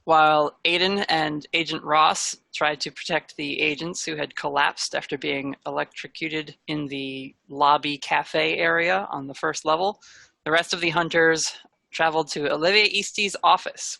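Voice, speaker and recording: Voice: medium pitch, steady tone, moderate pace, creaky, bright, forceful tone, no echo. A game master narrating a tabletop role-playing adventure in a casual, conversational way. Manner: casual and conversational, slipping between recap and banter.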